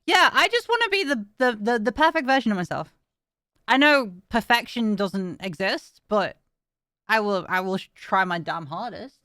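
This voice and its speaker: A woman's voice: medium pitch, expressive, normal speed, bright, forceful tone, no room sound, studio quality. A woman streamer chatting casually with viewers, tired and in pain, talking frankly and swearing now and then.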